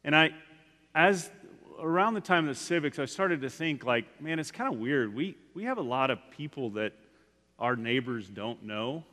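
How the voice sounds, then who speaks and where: A guest preacher in his forties rambles through a casual sermon, restarting often and leaning on "like," his voice echoing with the long reverb of a church sanctuary. He speaks at normal speed in an animated, mid-range voice that's pushed and bright.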